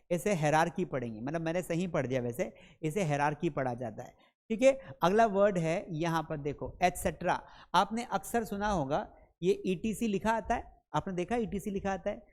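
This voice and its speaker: A man's voice: high voice, a little mellow. Male English teacher, quiz-style drilling of pronunciation, friendly address to viewers. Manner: quizzing, asks viewers then answers himself; repetitive, drills each word. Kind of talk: spoken English pronunciation lesson.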